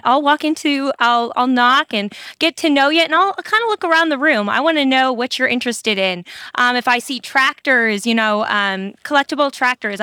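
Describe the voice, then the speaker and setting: A woman's voice: sits high, sharp tone, smooth, no room sound, studio quality. A woman who is a wellness coordinator at a senior living community, talking enthusiastically as an interview guest, with frequent ums and restarts.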